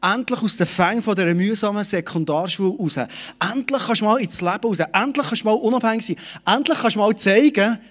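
A middle-aged man preaching a sermon in a lively, direct way, speaking to each listener personally. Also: high voice, fairly quick. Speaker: pastor.

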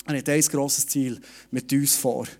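A middle-aged man preaching a sermon in a lively, direct way, speaking to each listener personally. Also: medium pitch, measured pace. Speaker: pastor.

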